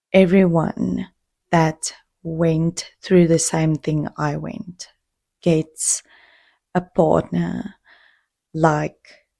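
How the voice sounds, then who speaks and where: A woman hosting a solo podcast, speaking slowly with a low, gravelly fry in her voice. She talks in a heartfelt, reflective way, pausing and restarting as she goes. The sound is dry and close. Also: darkish tone, dry recording. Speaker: podcast host. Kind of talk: casual solo podcast talk.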